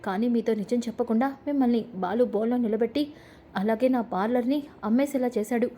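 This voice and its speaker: A sly, scheming young daughter-in-law who lays out accusations in a smooth, insistent way, voiced by a woman narrator. The tone is mellow and a little high, in a storybook recap. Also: a little fast, natural voice. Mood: accusing.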